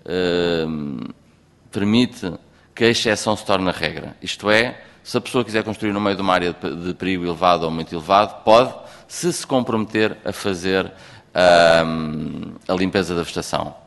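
Very deep, gravelly man making a deliberate argument. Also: fairly bright tone. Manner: deliberate, argumentative, posing questions. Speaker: participant at a hearing. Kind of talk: formal argued statement. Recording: long hall reverb.

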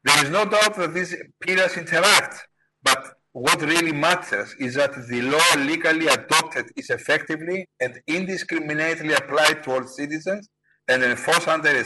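A man's voice: fairly high pitch, sharp tone, slightly rough, low-quality recording. A man from Cyprus with a Cypriot accent, delivering a formal prepared speech as a parliamentarian.

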